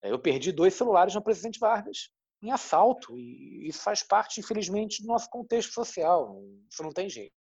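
A Brazilian man from Rio de Janeiro, a journalist with a husky voice, explaining his views at length in an interview. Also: high voice, big pitch swings, moderate pace, darkish tone, no echo, dull audio. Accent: Rio de Janeiro Brazilian Portuguese. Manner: explanatory, thoughtful, frequent "né?" tags. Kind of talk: interview answers.

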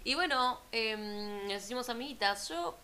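A woman's voice: on the high side, animated, a little slow, sharp tone, a little hiss or hum. Chatty young Argentine woman. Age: 20s. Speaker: podcast co-host. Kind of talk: casual chat among friends.

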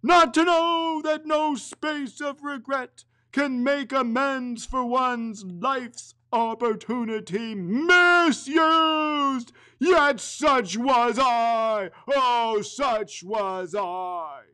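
Jacob Marley's wailing ghost. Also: male voice, extremely high pitch, sharp tone, smooth, pitched above the performer's own voice, exaggerated voice. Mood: mournful. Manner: wailing, slow and drawn out. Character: anguished ghost of an old male miser, bound in chains.

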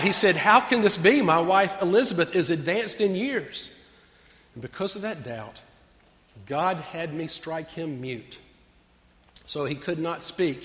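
A man delivering a dramatic sermon monologue as a humble, solemn angel messenger, telling the story in a measured, deliberate way with pauses. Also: high voice, a bit bright. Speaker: preacher performing a monologue as an angel. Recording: long hall reverb.

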